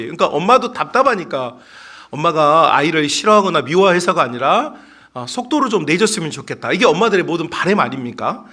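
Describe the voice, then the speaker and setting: A middle-aged man preaching a sermon in a fairly high, bright voice. His pitch leaps about as he acts out scolding parents and teases the children, keeping the tone playful and lively. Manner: animated and playful, acting out parents and chatting with children. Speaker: pastor.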